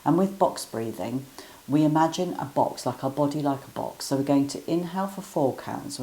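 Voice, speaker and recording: A woman teaching guided breathing exercises in a gentle, encouraging, step-by-step way. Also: a bass voice, slight background noise, rough recording.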